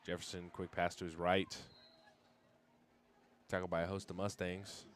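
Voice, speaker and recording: Niski głos męskiego komentatora sportowego. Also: male voice, sits low, flat delivery, normal speed. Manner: upbeat, reads live ad copy. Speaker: play-by-play commentator. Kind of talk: sports commentary.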